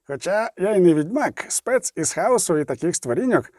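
A man voicing a gruff, blunt male dwarf leader in an audiobook, mocking and quick to swear. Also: high voice, very animated, a little mellow, no room sound, studio quality, voice pushed up. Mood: sardonic. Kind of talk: audiobook reading.

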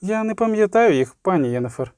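A stubborn young girl answers in a high, hesitant voice, as a man reads her lines. She is quiet and evasive, unwilling to remember. The storybook reading sounds dry and close. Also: animated, fairly quick, smooth, no echo. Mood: reluctant.

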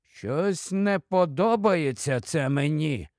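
A man's voice: a little high, expressive, takes it slowly, dry recording, clean studio sound. A man voicing a cautious dwarf guide. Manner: hushed, careful.

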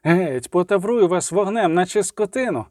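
A man's voice: high-pitched, lively intonation, moderate pace, darkish tone, no echo, clean studio sound, pitched above the performer's own voice. A man voicing a proud, furious sorceress in an audiobook, scornful and commanding. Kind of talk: audiobook character voice.

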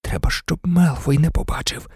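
A man's voice: fairly high pitch, animated, normal speed, creaky, darkish tone, slightly rough, no echo, clean studio sound. A man narrating an audiobook expressively, voicing every character himself. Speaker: audiobook reader.

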